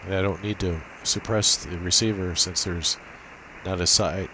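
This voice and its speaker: A low-pitched man, an amateur radio operator, gives an informal screen demo, thinking aloud in a halting way as he walks through his setup. He's recorded on a built-in laptop microphone, and the cheap mic leaves a steady hiss underneath.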